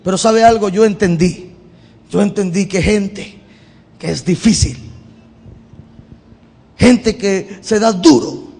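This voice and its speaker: A man's voice: high-pitched, takes it slowly, long pauses, darkish tone. A male pastor, giving a sermon in a conversational style that repeats words. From Venezuela. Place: church. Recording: long hall reverb in church.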